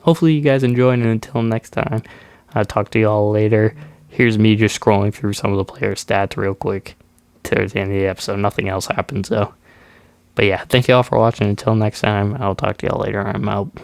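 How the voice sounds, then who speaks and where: A young man with a stuffed-up nose talks through his baseball video game in a loose, easygoing recap, dropping ums and restarting his sentences. His voice comes through smooth and clear at a mid pitch, recorded close on the mic in a dry room with no echo. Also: steady tone, brisk, a little mellow. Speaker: gaming YouTuber. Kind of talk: casual gameplay commentary.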